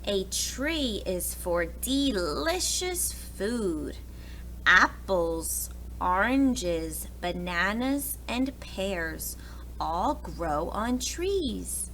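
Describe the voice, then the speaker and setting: Background noise is plain in this low-quality recording of an American woman, a preschool teacher, reading a picture book to young children. She speaks extremely slowly with a medium-pitched, sing-song, somewhat bright voice, adding questions and asides as she reads expressively.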